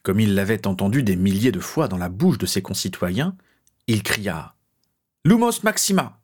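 A man reads a fantasy tale in a measured, dramatic way. His voice sits low and has a breathy, husky edge. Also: animated, a little mellow. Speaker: narrator. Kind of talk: scripted audiobook narration.

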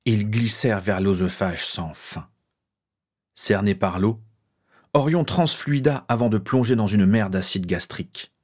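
A man narrating a fantasy story as an audiobook, measured and dramatic. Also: fairly low pitch.

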